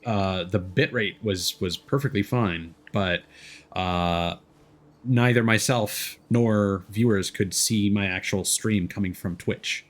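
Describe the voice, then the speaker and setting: A man with a fairly low voice speaks slowly while hosting a game livestream. As the streamer, he chats casually during gameplay, rambling and thinking out loud.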